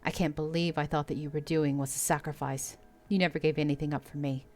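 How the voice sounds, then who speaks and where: An Australian woman voicing a dramatic, sharp-tongued female ghost in a dating game. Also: deep voice, level tone, fast, lightly acted. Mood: scornful. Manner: theatrical, emphatic.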